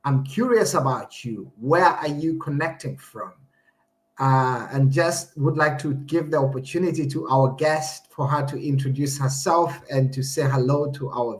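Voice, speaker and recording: A man hosting a live online broadcast, enthusiastic and engaging his viewers over a video call. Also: fairly high pitch. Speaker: host. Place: Leiden.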